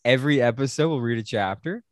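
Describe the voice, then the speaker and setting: A man's voice: mid-range voice, quick pace, no room sound. A man co-hosting a podcast, chatting casually in a joking, slangy way. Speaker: podcast co-host. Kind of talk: casual chat.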